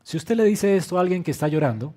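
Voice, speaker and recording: A man preaching a sermon as pastor, swinging between quiet low phrases and loud emphatic bursts, and asking the congregation direct questions. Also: animated, fast. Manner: acts out quoted lines with direct questions to the congregation.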